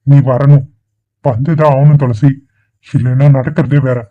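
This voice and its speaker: A man's voice: mid-range voice, steady tone, normal speed, natural voice. A man voicing a desperate, lovesick young man in a dubbed cartoon, who pleads insistently. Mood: pleading. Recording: tinny phone-like recording.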